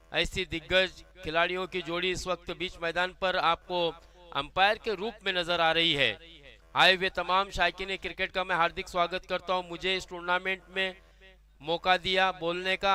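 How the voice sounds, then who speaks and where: Indian man calling big hits, bright and forceful. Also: high voice. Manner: effusive, dramatic calls of boundary shots. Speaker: cricket match commentator. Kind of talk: live excited cricket commentary, calling big hits.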